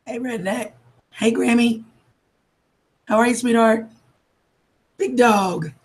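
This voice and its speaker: A livestream host losing her voice to a cold chats warmly and casually as she greets viewers. Her voice is a little high and her pace slow. She is affectionate, calling everyone darling and sweetheart.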